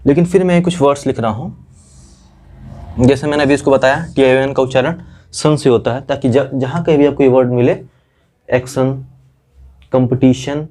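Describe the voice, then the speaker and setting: A man's voice: mid-range voice, dark tone. A man teaching English pronunciation to students, explaining step by step and checking in with "theek" after nearly every point. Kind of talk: classroom lesson at a whiteboard.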